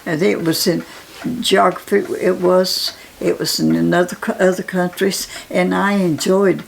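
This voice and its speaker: Very old Appalachian woman, gravelly and creaky. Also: fairly low pitch, little pitch movement, slight background noise. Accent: Southern Appalachian. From Appalachia, United States. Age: 90s. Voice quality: aged, gravelly voice. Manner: halting, repetitive, plain-spoken. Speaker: interviewee. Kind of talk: casual reminiscence.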